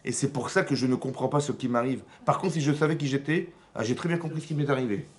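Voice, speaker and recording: A man with a French accent, a rabbi giving a lively Torah lesson in a synagogue, often asking his listeners questions and raising his voice to stress points. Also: fast talker. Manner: animated, asks the audience questions, rises in pitch and loudness to stress points. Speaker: rabbi teaching a class.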